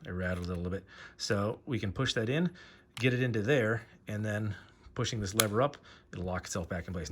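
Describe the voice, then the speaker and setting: A man with a fairly low voice talks through a hands-on repair, pausing and restarting as he works. The delivery is casual and plain. Faint noise and soft mechanical clicks sit behind him. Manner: halting, many fillers and restarts, talks while working. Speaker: host demonstrating pistol disassembly.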